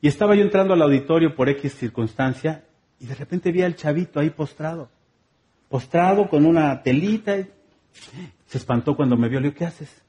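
A man's voice: a little high, a little fast, dark tone, lo-fi sound. A man with a Mexican accent preaching a sermon in a conversational, humorous way, repeating phrases rhythmically.

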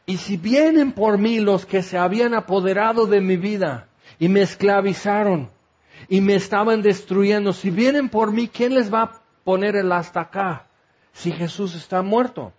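A man's voice: high-pitched, moderate pace, a little mellow. A man voicing a grieving, desperate young woman disciple who pleads and questions, on a dull lo-fi recording.

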